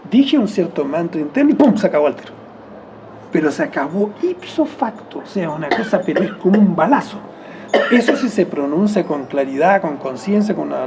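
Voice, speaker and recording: A man with a Chilean accent and a high-pitched voice explains things as an interviewee in a rambling, reflective manner. He often corrects himself mid-phrase and chuckles softly, with slight background noise audible.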